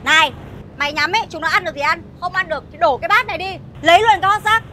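Rude, bullying noodle shop owner. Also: female voice, very high-pitched, racing, sharp tone, slight background noise. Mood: scornful. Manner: scornful, insulting, bossy. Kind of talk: web sitcom acting. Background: background music.

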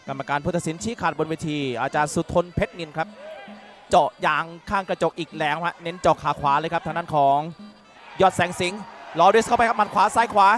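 A man giving excited live boxing commentary. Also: fairly high pitch.

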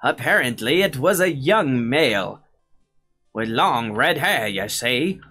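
A man's voice: mid-range voice, animated, slow pace, sharp tone, soft background music, voice pushed up, exaggerated voice. A man voicing an officious adult male police officer in a video game, formal and inquiring. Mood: questioning.

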